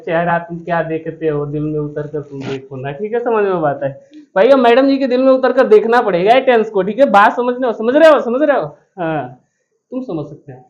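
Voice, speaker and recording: Male teacher, classroom grammar lesson, repeats questions for the class to answer, cracks jokes, slightly muffled audio. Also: high-pitched. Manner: repetitive question-and-answer drilling; joking asides to students. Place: classroom with students present.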